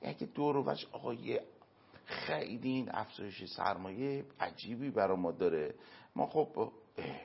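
A man answering as an interview guest, giving earnest moral and religious advice through everyday examples, with emphatic pauses. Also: fairly low pitch, lively intonation, vocal fry, slightly rough. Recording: dull lo-fi recording.

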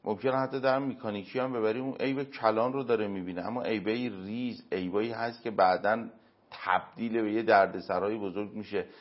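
Male interview guest, low register, earnest moral teacher who makes his point with examples; muffled lo-fi audio. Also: steady tone. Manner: earnest, explaining with everyday examples and emphatic pauses. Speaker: interview guest giving religious advice. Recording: dull lo-fi recording.

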